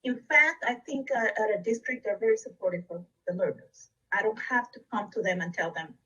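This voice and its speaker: Husky-voiced woman presenting. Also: medium pitch, a little fast, bright, forceful tone, far from the mic, muffled recording. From Costa Rica. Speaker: district education leader. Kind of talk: recorded webinar presentation.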